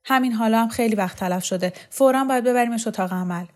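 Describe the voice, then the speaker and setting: A woman's voice: a little high, darkish tone, natural voice. A woman narrator voicing a small, impatient female doctor with a clipped, urgent manner in an audiobook. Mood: brisk.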